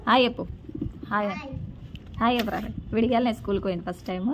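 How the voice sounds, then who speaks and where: Talking rapid-fire in a mid-range voice with a crowd audible in the background, a vlogging mom orders her children through homework at home. She sounds bossy and scolding in this noisy home recording.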